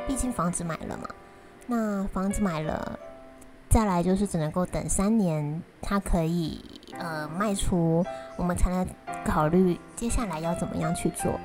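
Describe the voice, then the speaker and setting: Casting: woman, Taiwanese accent, lowish voice, casual vlogger talking between bites while eating, music clearly behind her. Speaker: vlog host. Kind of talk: casual solo chat to viewers. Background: prominent music.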